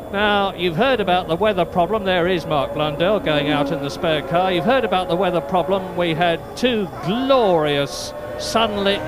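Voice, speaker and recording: Excitable motor racing commentator. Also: male voice, high-pitched, background noise. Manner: brisk, excitable, informative. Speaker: lead race commentator. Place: commentary box at a race circuit.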